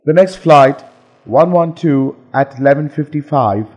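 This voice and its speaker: A man reading the lines of a scripted English lesson dialogue in a plain, measured way. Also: on the high side, a little mellow, long reverb tail, lo-fi sound.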